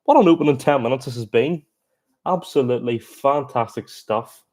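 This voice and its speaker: A man giving chatty, excitable live reaction commentary on a rugby match, breaking into exclamations. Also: mid-range voice, normal speed. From Ireland. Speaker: sports reaction streamer.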